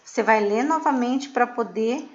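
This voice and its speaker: A woman's voice: a little high, moderate pace, highs cut off. A middle-aged woman teacher explaining a lesson to her pupils patiently, checking in often to see that they follow. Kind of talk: recorded remote class lesson.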